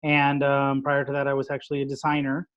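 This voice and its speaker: A man, a product designer and former teacher, introducing himself on a video call in a measured way with fillers. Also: medium pitch, completely flat delivery, clean tone. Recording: dull video call audio.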